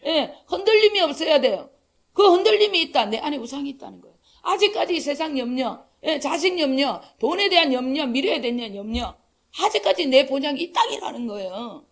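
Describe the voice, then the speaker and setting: A middle-aged woman pastor preaches a sermon. Her voice sits high and has a gravelly edge. She tells her stories in an animated way and acts out the voices in them. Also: brisk. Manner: animated storytelling, acting out quoted dialogue, laughing.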